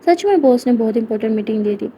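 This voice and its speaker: A woman voicing a devoted young working woman in a spoken storybook, talking softly and tenderly. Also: a little high, lively intonation, fast talker, muffled recording, slight background noise, natural voice. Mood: earnest. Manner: soft and tender, quiet.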